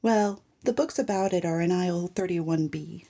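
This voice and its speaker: A woman playing a prim, matter-of-fact librarian in a comedic noir audio drama, with a mellow voice. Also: on the low side, moderate pace.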